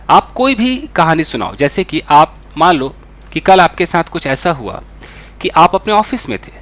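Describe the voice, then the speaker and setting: A young man teaching a spoken English lesson in an animated way, acting out the dialogue he explains. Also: high voice. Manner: animated, acts out quoted dialogue.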